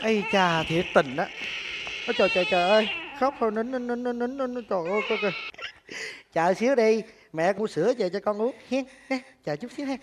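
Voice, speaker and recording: A man's voice: sits high, quick pace, noisy background, close to an everyday voice. An actor playing a poor street-singer father, speaking with a coaxing, tender manner. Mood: frantic. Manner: coaxing, tender, then loud and frantic. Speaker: actor in a staged skit. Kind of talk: sentimental stage drama. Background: music.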